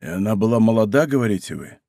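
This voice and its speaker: A man voicing a relentless, vengeful young man disguised as a monk, who interrogates coldly and then shouts accusations. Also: on the low side, animated, fast, no room sound, studio quality. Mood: probing. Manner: probing, then harsh and commanding.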